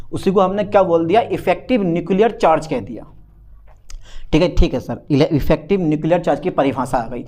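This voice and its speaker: A man's voice: a little high, a little mellow. A male chemistry teacher, lecturing a class with lots of repetition and questions to his students. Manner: repetitive, calls students beta, answers himself as student.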